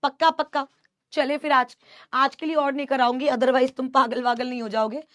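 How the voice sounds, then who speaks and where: A woman's voice: sits high, fairly even intonation, normal speed, a bit bright, dry recording, clean studio sound. A young woman teaching a live online class, mixing Hindi and English, affectionate yet scolding as she answers student doubts.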